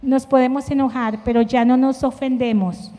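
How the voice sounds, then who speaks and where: Middle-aged woman, mellow high voice, earnest sermon, long church reverb. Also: fairly even intonation, moderate pace. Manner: earnest, personal and emotive, with self-deprecating anecdotes. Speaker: church leader preaching with her husband. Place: church sanctuary.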